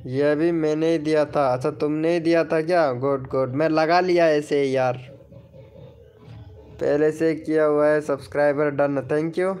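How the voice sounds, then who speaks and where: A man's voice: a little high, steady tone, unhurried, a little mellow, clean tone. A man hosting a casual live stream, chatting with viewers and reading out their names and comments. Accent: Hindi. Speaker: live stream host promoting channels. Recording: faint background music.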